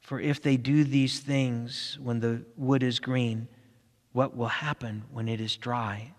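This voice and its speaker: A man reading the lines of Jesus in a calm, grave and solemn way, slow and low-voiced. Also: long reverb tail, lightly acted.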